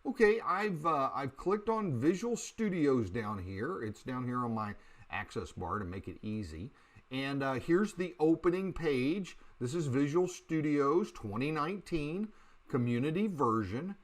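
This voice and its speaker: Man teaching code, halting and lively. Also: medium pitch. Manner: halting, many uh and um fillers, restarts. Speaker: programming teacher. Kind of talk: screen-recorded coding lesson.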